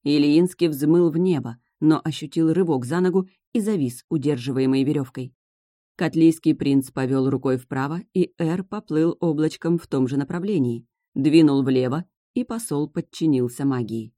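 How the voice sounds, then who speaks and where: An audiobook narrator reading a fantasy novel in an even, measured storytelling manner. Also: medium pitch, no echo. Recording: dry close studio sound.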